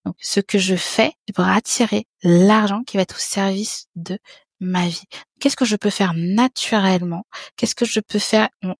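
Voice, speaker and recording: A woman's voice: mid-range voice, steady tone, normal speed, vocal fry, no room sound, studio quality. A woman in her thirties, a podcast guest talking frankly and casually, often repeating words and restarting her sentences. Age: 30s. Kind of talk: casual conversation.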